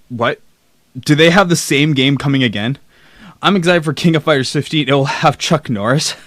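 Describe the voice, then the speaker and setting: A man's voice: mid-range voice, a bit bright, no echo. A young man streaming live, chatting casually and rambling through a list of games while reading the chat aloud. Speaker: streamer host. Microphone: desk mic close up.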